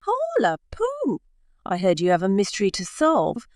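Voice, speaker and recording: A woman's voice: mid-range voice, huge pitch swings, moderate pace, a little mellow, dry recording, studio quality. A woman voicing an eager, helpful young girl explorer in a children's story.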